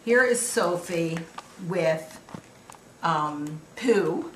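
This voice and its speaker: Here a grandmother with a lowish voice speaks extremely slowly, her intonation lively, as she fondly recalls memories over family pictures in a sweet, old-lady manner. Background noise is clearly audible in the echoing room.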